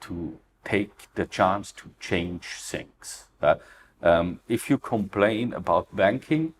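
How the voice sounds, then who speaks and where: As an interview guest, the middle-aged Austrian founder of a crypto ecosystem responds earnestly in a low-pitched voice, speaking slowly. His Austrian German accent comes with non-native phrasing and plenty of fillers. Slight background noise is audible.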